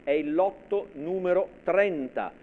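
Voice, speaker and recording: A man's voice: high-pitched, unhurried. Phone-like recording of a male auctioneer. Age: middle-aged. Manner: formal, repetitive counting of bids. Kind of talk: live televised auction calling. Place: dark television studio at a desk. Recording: narrow phone-like sound with faint noise.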